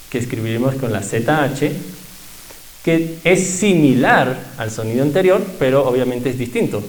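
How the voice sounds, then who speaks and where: A man leading a pronunciation workshop, patiently explaining sounds and repeating them slowly for his class. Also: fairly high pitch, darkish tone, poor audio. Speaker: language teacher.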